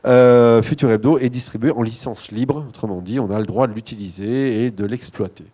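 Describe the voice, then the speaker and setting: Hesitant male moderator with a mellow voice. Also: medium pitch, moderate pace. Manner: hesitant, frequent restarts and self-corrections; light joking asides. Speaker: panel moderator. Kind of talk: introducing guests at a live panel discussion.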